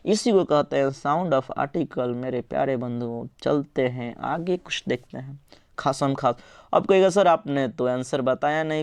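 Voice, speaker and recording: A man teaching an English grammar lesson in Hindi, quizzing his students and answering his own questions in a coaxing, lively way. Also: on the high side, clean tone, no echo. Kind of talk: online exam-prep lesson.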